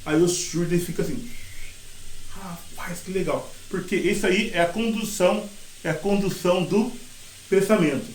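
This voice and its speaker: High-voiced man teaching a class. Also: a little fast, a little hiss or hum. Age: middle-aged. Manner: lively, acts out examples and quotes. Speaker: sign language interpreting teacher. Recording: echoey room, mic at a distance.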